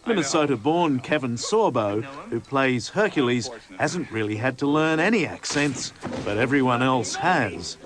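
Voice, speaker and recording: A male TV reporter giving brisk, scripted documentary narration and asking questions. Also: mid-range voice, animated, over music. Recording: noisy broadcast recording.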